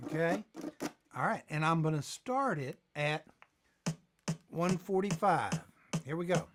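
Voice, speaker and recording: A man teaching a ukulele lesson on a live stream, talking in a relaxed way while he plays and calls out tempos. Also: a little high, a little slow, loud music behind the voice. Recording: loud ukulele playing under the voice.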